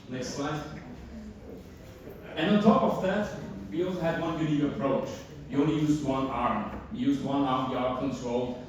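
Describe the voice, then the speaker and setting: Man, hackathon demo pitch, questioning the audience, distant mic, heavy room echo. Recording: echoey hall from far off, noisy.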